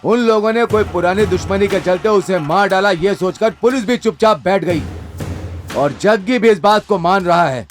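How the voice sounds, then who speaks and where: A man voices a cautious gang member with a fairly high voice, weighing the risks in measured tones. Light film music runs under the dub. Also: natural voice.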